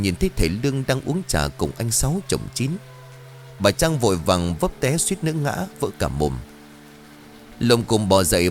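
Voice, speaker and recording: Guy narrating a ghost story audiobook, lively pitch, dramatic, faint music behind. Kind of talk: scripted horror story narration.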